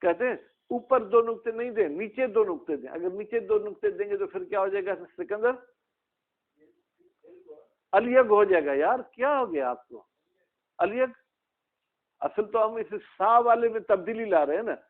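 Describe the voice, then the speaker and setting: High-voiced man teaching a lesson. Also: lively intonation, brisk. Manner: questions students by name. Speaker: religious teacher. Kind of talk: classroom lesson. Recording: tinny phone-like sound.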